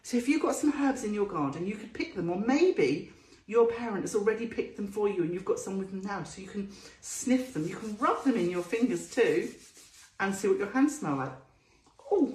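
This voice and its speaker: A woman of medium pitch and darkish tone teaches young children through show-and-tell, speaking to them directly. Her delivery is sing-song, with key words drawn out, as befits a storytime presenter and teacher. The recording carries a roomy echo.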